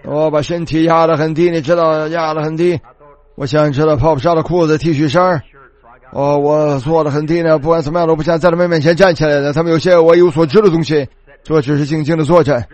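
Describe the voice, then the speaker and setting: A male preacher telling a story in a sermon, animated and repetitive, retelling dialogue as he goes. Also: on the high side, fast talker.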